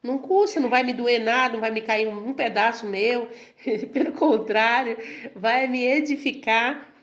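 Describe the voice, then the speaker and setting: A woman's voice: a little high, moderate pace. A woman with a Brazilian Portuguese accent, giving a conversational sermon and often checking in with her listeners. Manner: chatty, keeps asking "entendeu?" and "amém?", laughs lightly. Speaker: preacher. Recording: dull lo-fi recording.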